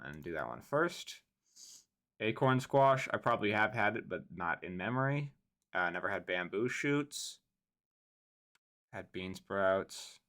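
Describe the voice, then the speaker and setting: A man's voice: low-pitched, bright, forceful tone. A young man livestreaming, ranting casually and profanely as he rates a list.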